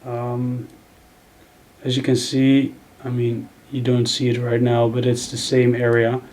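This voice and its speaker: Brief: slow-talking male tutor, mellow tone, halting narration over screen recording. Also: medium pitch, monotone. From Netherlands. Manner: thinking aloud, halting, many fillers. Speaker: video editing tutor.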